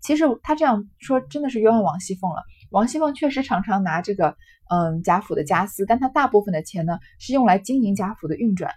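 Husky woman explaining a classic novel. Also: mid-range voice, animated, quick pace, darkish tone. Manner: conversational, with fillers and trailing particles.

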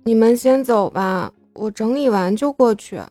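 A woman's voice: on the high side, a little slow, dark tone, no room sound, soft background music, natural voice. A woman voicing a lazy young man who whines sleepily. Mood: drowsy. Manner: drowsy, whining.

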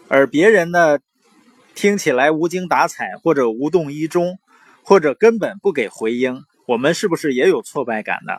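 A young adult man giving parenting advice in an earnest, conversational manner, with anecdotes and drawn-out particles. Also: mid-range voice, slightly rough, no room sound. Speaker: parenting commentator. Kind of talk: informal talk with anecdotes and advice.

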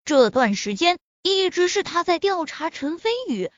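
A woman reads a web novel aloud with expressive storytelling. Her voice is high and very animated. The sound is dry and a little muffled. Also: normal speed, no room sound. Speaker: audiobook narrator. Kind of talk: scripted novel narration. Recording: dull lo-fi recording.

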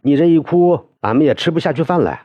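Man putting on a hot-tempered young man, loud, forceful, hard tone, pitched up high, quick. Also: expressive, husky, no echo, lo-fi sound. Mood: coaxing.

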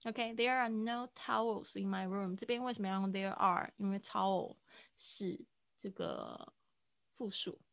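Gravelly-voiced woman teaching English phrases. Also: mid-range voice, very animated, measured pace, fairly bright tone, no echo. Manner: patient explaining, mixing English phrases into Mandarin. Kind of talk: live online language class.

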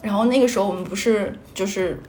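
A woman's voice: medium pitch, fast, darkish tone, a little hiss or hum. A young woman from Northeast China, telling a personal story in a rambling way and stringing thoughts together with "and then". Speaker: podcast storyteller.

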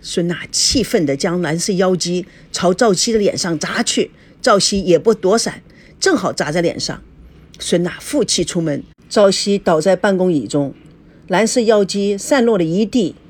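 A woman's voice: on the low side, animated, moderate pace. A woman narrating a romance story in a plain storytelling manner.

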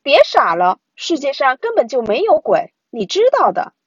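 A brisk, know-it-all big sister , as a woman puts her on. She lectures her little brother in a lively, breathy voice. The sound is muffled and lo-fi. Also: high voice, no echo, pitched above the performer's own voice, heavily acted. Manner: bossy, reassuring, explaining.

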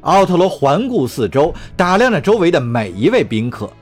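A man's voice: fairly high pitch, sing-song, moderate pace, faint music behind. Man narrating a dramatic story.

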